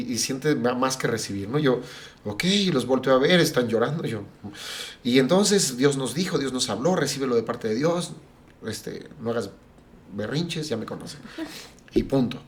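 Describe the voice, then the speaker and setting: A middle-aged man, a pastor and podcast guest, telling a personal story and acting out what others said. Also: mid-range voice. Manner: animated, acts out the dialogue of family and friends.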